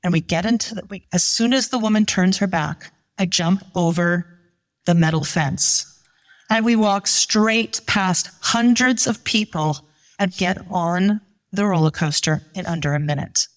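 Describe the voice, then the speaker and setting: Lively woman telling a story live. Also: fairly low pitch, unhurried. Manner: animated, voices the people she quotes. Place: live show at a winery.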